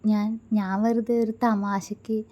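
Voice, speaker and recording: A woman's voice: medium pitch, little pitch movement, slow, mellow, lightly acted. A woman reading a romantic story aloud and voicing a shy young wife who stammers and hesitates when she speaks. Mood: sheepish. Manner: stammering, timid.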